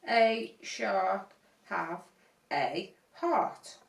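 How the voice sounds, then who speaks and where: A woman co-hosting a casual chat podcast, giggly and animated, recorded roomy and from a distance. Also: mid-range voice, extremely slow, creaky. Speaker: podcast co-host.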